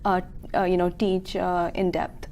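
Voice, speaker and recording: A woman's voice: lowish voice, little pitch movement, measured pace, warm tone. A woman in her thirties from Kuwait, a school founder explaining her business in a local TV interview, earnest and full of fillers. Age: 30s.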